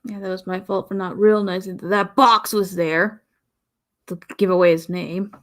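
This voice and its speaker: A young woman from the American South hosting her own podcast in a casual, rambling way, pausing often and sighing. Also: mid-range voice, steady tone, fairly bright tone. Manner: rambling, pauses often, sighs. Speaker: podcast host. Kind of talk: casual solo podcast talk.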